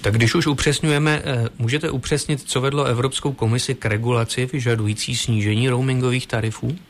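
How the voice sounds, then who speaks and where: A man hosting a news broadcast, asking interview questions in a formal, crisp manner. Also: medium pitch, steady tone, slight background noise. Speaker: news anchor.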